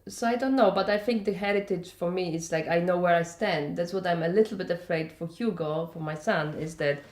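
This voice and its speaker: A Polish woman with a Polish accent, a festival organiser, answers interview questions in a chatty, rambling way, often checking in with "you know" and "yeah?". Her voice is fairly low and darkish, and she talks a little fast. The room is echoey.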